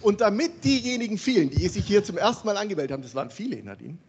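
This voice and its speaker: A man's voice: high-pitched, rapid-fire, a little hiss or hum. A man hosting a conference opening, speaking into a handheld microphone in a large hall and calling out supporters to the audience. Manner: animated, calling out names to the audience. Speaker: conference host.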